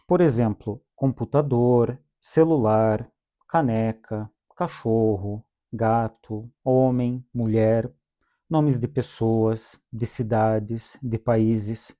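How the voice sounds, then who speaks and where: Extremely slow and mellow, this young Brazilian teacher speaks at medium pitch with a steady tone. In a calm lesson, his Brazilian Portuguese accent clear, he patiently repeats every vocabulary word twice for his students.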